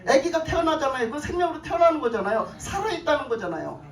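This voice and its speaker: A woman's voice: sits high, very animated, fast. A woman pastor preaches to her congregation, firing questions at them and repeating her points with an easy chuckle. Her voice comes from a distance across an echoey church, with faint noise behind. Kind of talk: sermon. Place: church sanctuary.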